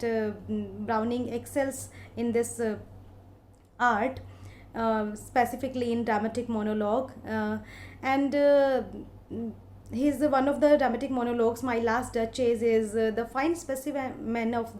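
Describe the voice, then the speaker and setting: A woman from India with an Indian English accent, giving a literature lecture in a slow, explaining way with many hesitant fillers. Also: a little high, steady tone, a little mellow, slight background noise. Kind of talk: recorded lecture.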